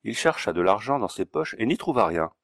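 A man narrating a classic novel as an audiobook, measured and steady. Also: fairly low pitch, creaky, no echo, studio quality.

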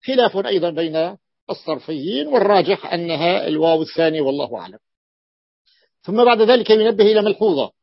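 A man's voice: high voice, animated, gravelly, dry recording. Levantine man teaching, repeats words, dull dry recording. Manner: repeats key words slowly, thinks aloud with fillers. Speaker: sheikh teaching Arabic morphology. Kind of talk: classroom lesson explaining a text.

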